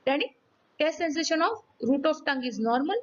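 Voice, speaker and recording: Woman teaching med students, high voice, hoarse from yelling, keeps asking okay? ready?. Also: fairly quick, muffled recording. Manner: checks in often with "okay?" and "ready?". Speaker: physiology teacher. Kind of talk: medical lecture with demonstration.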